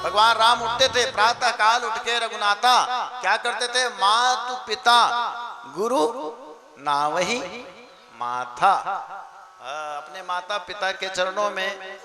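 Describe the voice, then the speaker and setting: A high-voiced man delivers a devotional sermon at a village gathering. He tells stories in an animated way, chuckles often and calls out to the crowd for responses. Music plays clearly behind him. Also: takes it slowly. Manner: animated storytelling, chuckling, chanting verses. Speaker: Bhagavat katha preacher. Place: outdoor village religious gathering.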